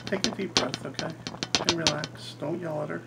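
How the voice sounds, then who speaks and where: A man's voice: fairly high pitch, normal speed, gravelly, background noise. A man serving as police chief, firm but patient as he talks down an angry citizen. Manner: firm but patient, tries to calm things down. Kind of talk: calming a heated citizen. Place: small town hall office, indoors.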